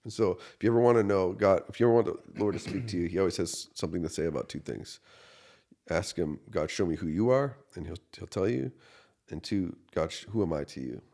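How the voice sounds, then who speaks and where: A man in his thirties, a pastor, earnestly telling a personal story in a podcast interview, going from quiet to loud. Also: sits low, animated, fairly quick. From United States. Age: 30s. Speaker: associate pastor.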